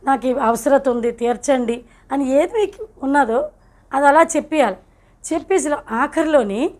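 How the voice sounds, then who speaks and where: A woman's voice: fairly high pitch, a little mellow. A middle-aged woman from India telling her personal testimony in an earnest, emotional way. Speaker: testimony speaker.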